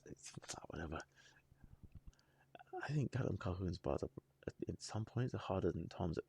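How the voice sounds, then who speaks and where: A man with a low, dark voice and a husky edge hosts a casual reaction video. He thinks out loud in halting, rambling sentences, circling back and restarting as he goes. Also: animated. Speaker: music reaction channel host.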